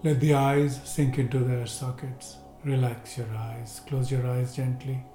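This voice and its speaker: A man guiding a seated relaxation and breathing meditation, giving slow, calm, gentle instructions with long pauses. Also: mid-range voice. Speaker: meditation guide. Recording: roomy echo with faint music.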